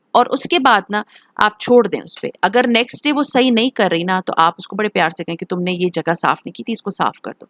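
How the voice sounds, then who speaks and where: A middle-aged woman with a Pakistani Urdu accent talks in a casual advice vlog, earnest and encouraging. She slips English phrases into her Urdu at a middling pitch. The recording is dry and close, with little room sound. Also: a bit bright, no echo. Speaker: lifestyle vlogger. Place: home.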